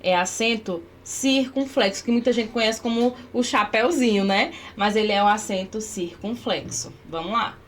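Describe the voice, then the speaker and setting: A woman's voice: mid-range voice, fairly even intonation, normal speed, few pauses, slight background noise. A woman teacher working through exam questions step by step, often checking in with her students. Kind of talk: exam-prep grammar lesson.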